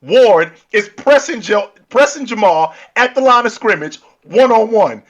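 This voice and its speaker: A man co-hosting a sports podcast in casual chat, animated and repeating himself as he builds his points. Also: high voice, unhurried, highs cut off. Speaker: podcast co-host.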